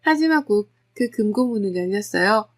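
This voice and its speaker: Female narrator, scripted first-person story, steady polite delivery, mid-range voice. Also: medium pitch, normal speed.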